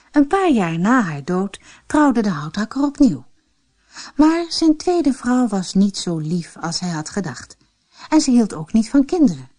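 A woman narrating a fairy tale in an expressive, dramatic storybook style. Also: mid-range voice.

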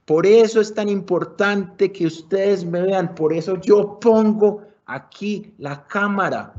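A man with a Colombian accent giving a lively online sales workshop, shifting his volume and speed for emphasis and calling his audience muchachos. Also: high voice, slow. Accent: Colombian Spanish. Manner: animated, varies loudness and speed for emphasis; colloquial, addresses audience as muchachos. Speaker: sales trainer. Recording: somewhat dull lo-fi video call audio.

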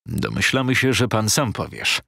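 A man voicing a stern merchant who speaks in a sharp, clipped, unpleasant tone, low and husky. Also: big pitch swings, normal speed, no room sound, studio quality, exaggerated voice. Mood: cold curt. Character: stern middle-aged merchant, curt and cold.

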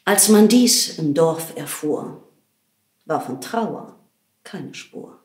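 An actress reading a children's verse story aloud in a playful way, dropping to hushed tones and jumping high for the characters, in a theatre props workshop. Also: female voice, animated, takes it slowly. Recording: roomy echo.

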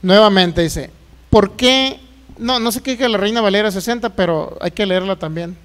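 A man's voice: high voice, moderate pace, a bit bright, clear, resonant tone. A man preaching a sermon as pastor, folksy, acting out complaints in a raised voice.

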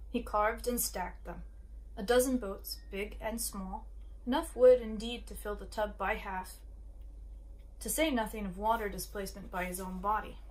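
A woman's voice: medium pitch, rough recording. Woman reading a novel aloud. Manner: occasional slips and restarts, brief asides. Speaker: reader.

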